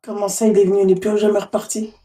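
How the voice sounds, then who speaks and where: Woman host of a live call-in show, warm dark tone, questioning and pressing, heard in an echoey room off-mic. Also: mid-range voice, flat delivery, quick pace, far from the mic. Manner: probing, pressing questions, affectionate.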